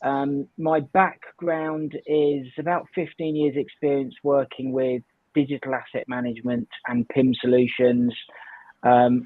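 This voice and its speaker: Guy on a video call, sounds all tinny and metallic like he's in a tin can, kinda halting with lots of ums. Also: medium pitch, no room sound. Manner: hesitant, with many fillers. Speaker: panelist. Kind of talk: video panel introduction. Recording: tinny, phone-like dry line.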